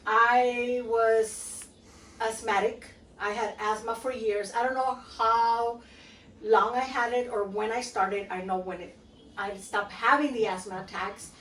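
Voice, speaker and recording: This casual cooking demo comes from a Guatemalan woman, perhaps thirties, who rambles cheerfully with plenty of fillers and "okay?" check-ins as she shows a recipe at home. Her voice is on the high side, steady, unhurried and fairly bright, captured by a distant mic in a roomy space with faint room noise.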